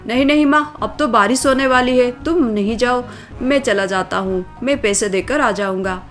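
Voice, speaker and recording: A kind young village man, voiced by a woman storyteller speaks in a patient, soothing way. The voice stays fairly high for a man. Faint music runs under the story recording. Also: moderate pace, close to an everyday voice. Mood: gentle.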